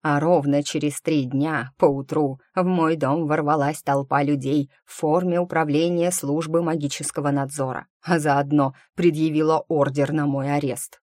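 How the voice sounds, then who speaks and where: A reader voicing an old, wry and guarded male magic teacher in an audiobook, telling his story in a measured, steady way. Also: medium pitch, no room sound, clean studio sound, lightly acted. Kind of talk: audiobook character reading.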